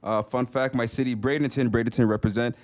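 A man with an average-pitched voice co-hosts a relaxed chat. He talks informally and reads aloud haltingly, often doubling back on words. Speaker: co-host of a game developer show. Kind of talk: casual chat, reading postcards aloud.

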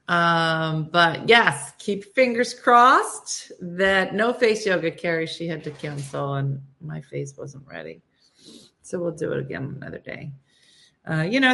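A woman hosting a casual livestream, chatting with viewers in a listless, low-energy, dry deadpan way. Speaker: host of a morning livestream show.

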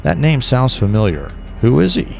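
A man voicing a calm, doubting friend who asks plain questions, with music behind. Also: medium pitch, moderate pace, gravelly, voice pushed up. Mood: curious.

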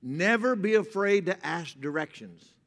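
A male American pastor speaks at a pulpit microphone with a bright, forceful voice pitched a little high. His delivery is folksy, and he repeats phrases to drive them home. The sound rings with the long reverb of a large church hall. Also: expressive, a little slow. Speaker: pastor preaching to a congregation.

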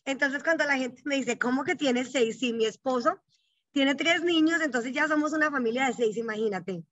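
A woman's voice: sits high, moderate pace, fairly bright tone, no echo, highs cut off. A woman in her thirties, a guest in an interview, telling her story in an earnest, emphatic way and often checking in with the listener. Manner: emphatic, repeats questions like "¿cierto?".

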